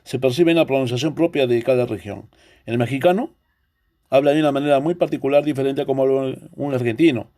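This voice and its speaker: A man's voice: mid-range voice, fast talker, warm tone. A male teacher with a Peruvian accent explaining a language lesson, asking rhetorical questions along the way. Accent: Peruvian Spanish. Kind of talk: recorded online language lesson.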